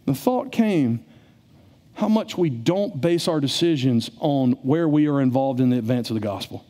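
A middle-aged man, preaching a sermon in a church in an animated, conversational way. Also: moderate pace. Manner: animated, conversational preaching, rising to emphatic high peaks. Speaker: pastor. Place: church sanctuary.

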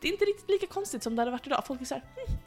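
A woman's voice: sits high, lively intonation, faint music behind. A woman casually telling a history story to a friend, playfully acting out the people in it. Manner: playful, acts out quoted figures, laughs often. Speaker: podcast host telling history.

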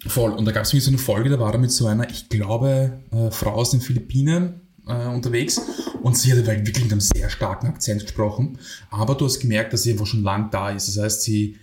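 Ein Mann mit Wiener Akzent, Co-Moderator eines Podcasts, erzählt lebhaft und lachend Anekdoten. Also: male voice, mid-range voice, fairly quick, reverberant. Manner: animated, laughing while telling anecdotes. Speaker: podcast co-host. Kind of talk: casual storytelling.

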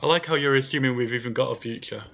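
Tinny, gravelly man on laptop mic. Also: medium pitch, rapid-fire, bright, forceful tone. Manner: hesitant, full of "um" and "like". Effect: tinny laptop-mic sound. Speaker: podcast co-host. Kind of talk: casual podcast discussion. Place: home during isolation. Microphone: laptop microphone. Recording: dull lo-fi laptop recording.

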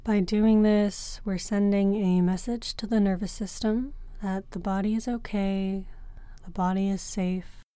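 A woman guides a breathing meditation as a yoga teacher, talking very slowly and softly with long pauses between phrases. Her voice is mellow and smooth. The recording is close and dry, with no room sound. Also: mid-range voice, steady tone, no room sound. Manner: slow, soft and soothing, with long pauses.

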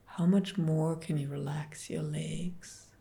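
A woman leading a guided relaxation meditation, speaking softly and partly in whispers. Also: low voice, steady tone, creaky. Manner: soft, slow, soothing, partly whispered.

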